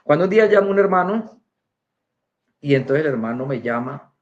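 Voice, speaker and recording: A man's voice: fairly high pitch, animated, moderate pace, highs cut off. A man giving a spoken personal testimony as a church member, telling his story and acting out the dialogue.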